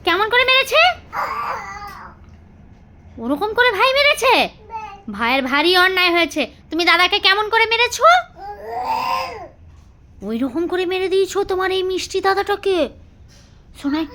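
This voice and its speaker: A woman's voice: animated, normal speed, long pauses, sharp tone. A woman using playful, coaxing baby talk with small children at home. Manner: sing-song, coaxing, teasing, high-pitched. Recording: noisy home recording.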